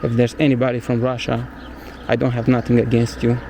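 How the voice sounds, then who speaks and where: A young Romanian travel vlogger, a native Romanian speaker with a Romanian accent, talks casually and hesitantly while walking outdoors through a village, sometimes hunting for English words. His mid-range voice is monotone and fairly quick, with background noise behind it.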